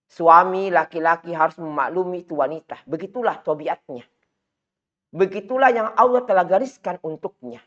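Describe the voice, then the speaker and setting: Emphatic preacher with Makassar Indonesian accent. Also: male voice, fairly bright tone. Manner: emphatic, repetitive, rising to raised pitch for stress. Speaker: Islamic teacher. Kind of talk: religious lecture. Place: study hall. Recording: dull lo-fi recording.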